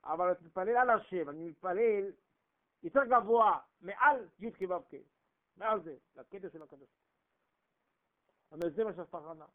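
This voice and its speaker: A man preaching a sermon, emphatic and repetitive, swinging between loud stresses and hushed asides. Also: high-pitched, pauses often. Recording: tinny phone-like recording.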